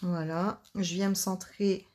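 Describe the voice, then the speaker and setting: A woman's voice: fairly low pitch, level tone, takes it slowly, a little mellow. A woman hosting a casual live card-making demonstration, chatting and joking with her viewers as she works.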